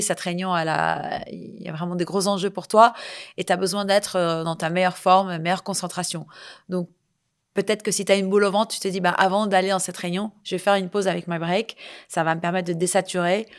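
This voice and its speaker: A lower-voiced woman from France talks as a podcast guest. She explains in a lively, chatty way, walking through examples. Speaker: entrepreneur guest. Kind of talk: casual interview.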